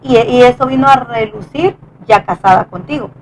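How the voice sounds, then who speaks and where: A woman's voice: fairly high pitch, slight background noise, poor audio. A woman telling her husband's and her own story in an earnest, conversational testimony, often restarting her sentences. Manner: earnest, halting with many restarts. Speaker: wife sharing testimony.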